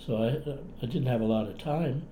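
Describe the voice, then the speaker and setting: An elderly man reminisces in a relaxed Cape Breton accent, talkative and folksy. His voice is mellow and soft-edged. He is recorded in a roomy, echoing space at home with faint noise behind him. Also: medium pitch, normal speed. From Cape Breton, Canada. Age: older, past retirement. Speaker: interviewee, retired clinician and writer. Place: indoors in a home.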